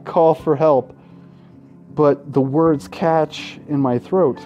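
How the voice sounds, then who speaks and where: The recording has its highs cut off, and game music runs in the background as a man with a slightly high, dark voice dramatically reads through a horror game. As a let's play host, he breaks away for foul-mouthed, crude, mocking asides.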